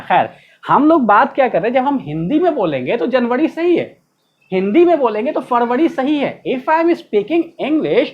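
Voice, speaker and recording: Indian woman teaching pronunciation, dull sound. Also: fairly high pitch. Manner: explanatory, spells words letter by letter and repeats them. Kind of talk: classroom lesson. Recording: dull, slightly lo-fi recording.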